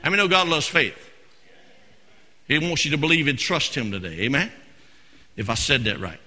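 Pastor, man, piercing high-pitched voice, swings from shouted preaching to quiet asides. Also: sing-song, normal speed, big-room sound. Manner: preaches in shouted bursts, then drops to low, conversational asides. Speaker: senior pastor. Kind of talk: Pentecostal sermon. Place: church sanctuary.

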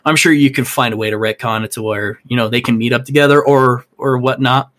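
A man's voice: medium pitch, fairly even intonation, a little fast, a bit bright. A man co-hosting a gaming podcast, theorizing in a loose, rambling way with lots of fillers. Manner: rambling, many fillers and restarts. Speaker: podcast co-host. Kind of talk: casual chat.

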